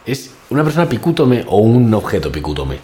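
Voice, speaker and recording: A young man with a Spain Spanish accent co-hosting a podcast in playful, casual banter, quick to laugh. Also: on the low side, very animated, dark tone, a little hiss or hum. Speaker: podcast co-host.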